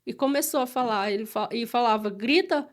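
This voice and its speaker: A woman with a Brazilian Portuguese accent giving an emotional church testimony, earnest and halting, re-enacting the prayers she made. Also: a little high.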